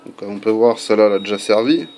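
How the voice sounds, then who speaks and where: A man's voice: lowish voice, racing, mellow. A man giving a casual how-to video at home, chatty and full of fillers, with faint construction noise behind him. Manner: chatty, many fillers and asides. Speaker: airgun hobbyist demonstrating a part swap.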